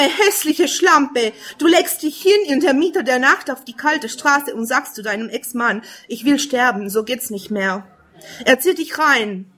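A woman's voice: high-pitched, a bit bright. Woman reading spoken-word poetry. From Romania. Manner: measured, earnest, second-person address.

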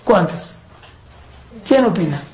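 Her voice is fairly low and dark in tone, and she delivers it slowly but with a great deal of animation. Teaching a parenting class, she asks rhetorical questions and performs dialogues between a parent and a child. The recording carries a roomy echo and faint background noise.

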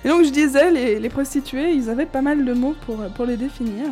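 A woman's voice: high-pitched, fairly quick, mellow, faint music behind. A woman host in casual chat, listing old slang words with amusement and frequent laughs.

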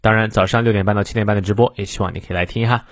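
A man teaching English in a morning reading lesson, explaining phrases and coaching pronunciation step by step with soft filler particles. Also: on the low side, fairly even intonation, very fast, no echo, studio quality.

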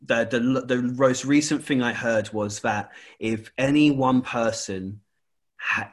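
A man chatting casually in an exasperated way, repeating his points for emphasis. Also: on the low side. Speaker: school or college staff member. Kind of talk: casual chat.

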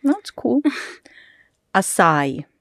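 A woman's voice: mid-range voice, big pitch swings, fairly bright tone, dry recording. A middle-aged woman with a non-native English accent, a mother talking casually to the camera and laughing often. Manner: slow and careful, laughing often. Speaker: mother and vlogger.

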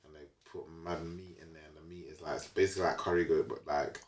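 A man's voice: rumbling low, fairly even intonation, fast, far from the mic, a little hiss or hum. A young man with a London roadman accent chatting casually in slang, tagging phrases with fam and innit. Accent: London, urban roadman slang. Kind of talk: casual group chat. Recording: echoey room, off the mic.

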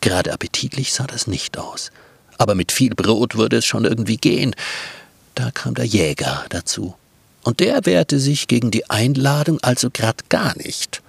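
A man narrating a comic fairy tale with a deadpan, dryly ironic, playful manner and a gravelly, husky voice. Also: mid-range voice, normal speed, no echo.

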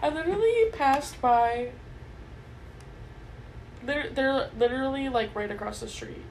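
A woman's voice: high-pitched, unhurried, a little mellow, a little hiss or hum, poor audio. A woman co-hosting a casual podcast chat, blunt, swearing freely and laughing often. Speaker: podcast co-host.

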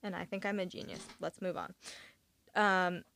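A woman's voice: fairly low pitch, fairly even intonation, normal speed, creaky, fairly bright tone, a little hiss or hum. A young woman from California in her twenties hosting a casual chat, with chatty, dryly sarcastic asides.

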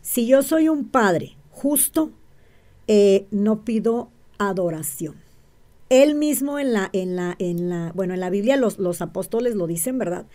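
A woman speaks in a dark, mellow voice at a middling pitch. She talks as an interview guest, explaining step by step. She keeps checking in with short questions and answers her own rhetorical ones. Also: lively intonation, a little slow. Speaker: interview guest, self-described witch.

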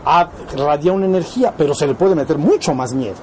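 A spiritual teacher with a Mexican accent talks fast in a high-leaning, darkish, lively voice during an informal lesson, explaining and often asking brief questions to make sure students keep up. A little hiss or hum is audible.

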